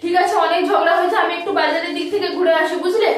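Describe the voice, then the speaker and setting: A woman playing a stubborn, teasing middle-aged husband, speaking in a lowered voice in an echoey room. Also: fairly even intonation, very fast. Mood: smug teasing. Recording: echoey room, distant mic, noisy.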